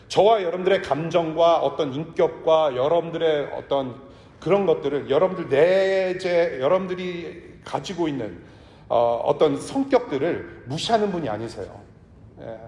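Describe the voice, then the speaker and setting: A man preaching a sermon to his congregation in a church, talking in a conversational way and sometimes dropping to a hush. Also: fairly high pitch, animated, moderate pace. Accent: Korean with English words mixed in. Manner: conversational preaching, drops to a hush for tender lines. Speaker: pastor. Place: church sanctuary. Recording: echoey church hall.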